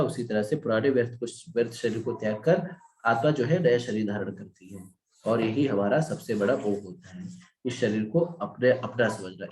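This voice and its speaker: A man with a mid-pitched voice gives a devotional scripture class. He asks questions and answers them himself. The room around him sounds echoey. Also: a little mellow. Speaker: Gita teacher.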